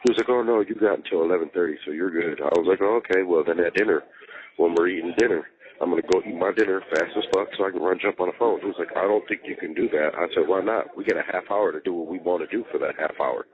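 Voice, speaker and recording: Over a jail phone to his partner, a male inmate with a low voice talks fast, with a crowd behind him. He vents casually in slangy, swear-heavy speech, repeating himself for emphasis. The recorded call comes through a handset, muffled and band-limited.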